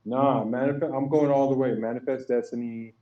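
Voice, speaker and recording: A man's voice: mid-range voice, brisk. Distant man in a roomy lo-fi recording. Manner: animated, repeats phrases, laughs often. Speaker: podcast co-host. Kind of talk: casual chat. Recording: distant, roomy, dull lo-fi sound.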